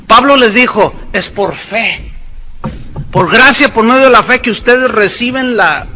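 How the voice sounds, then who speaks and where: A man preaching a sermon as a pastor, with sarcastic asides and quick mimicking voices. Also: very high-pitched, animated, sharp tone, a little hiss or hum, rough recording.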